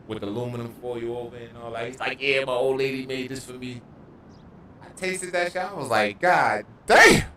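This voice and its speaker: A man's voice: medium pitch, fairly bright tone, a little hiss or hum. A man livestreaming a video game, telling stories in casual, profane slang. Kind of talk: casual gaming livestream chat. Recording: echoey room, distant mic.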